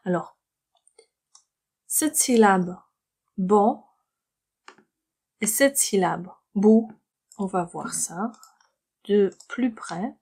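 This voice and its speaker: A woman from France teaches a relaxed language lesson indoors, talking very slowly and patiently. She repeats each word with care and often sinks into a soft murmur. Her voice sits at a middle pitch. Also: gravelly, husky. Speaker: French teacher. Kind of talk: slow explanatory language lesson.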